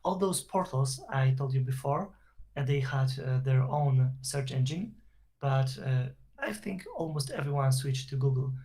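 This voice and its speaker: A man's voice: mid-range voice, measured pace, dark tone. A man with a Polish accent, a guest on an online interview, explaining at length with fillers and restarts over a video call. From Poland. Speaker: interview guest, SEO professional.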